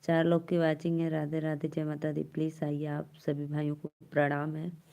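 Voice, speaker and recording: A woman's voice: low-pitched, completely flat delivery, normal speed, gravelly, mellow. A young woman with an Awadhi accent hosting a folk-song live stream, chatting and teasing viewers and laughing often.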